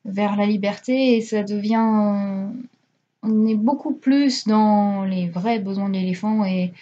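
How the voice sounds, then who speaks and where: A young woman vlogging about her books in a casual, rambling way, stopping often to correct herself. Her voice is mellow and a little husky. The recording sounds dull and lo-fi. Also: mid-range voice, steady tone, takes it slowly. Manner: chatty, rambling with many hesitations and self-corrections; self-mocking. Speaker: booktuber. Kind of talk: casual reading vlog.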